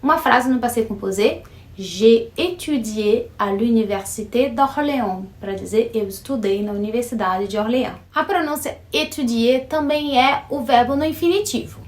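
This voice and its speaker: A woman with a Brazilian Portuguese accent teaching a casual video lesson, chatty, slowly repeating words to model their sound. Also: a little high, echoey room. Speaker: French teacher.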